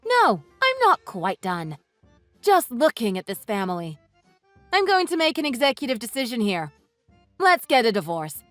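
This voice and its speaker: A woman's voice: on the high side, wildly swooping pitch, moderate pace, no room sound. Woman voicing a furious, sarcastic wife. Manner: sarcastic, cutting, mocking. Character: furious wife tearing into her in-laws. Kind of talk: read-aloud text-message story. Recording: dry voice with soft music underneath.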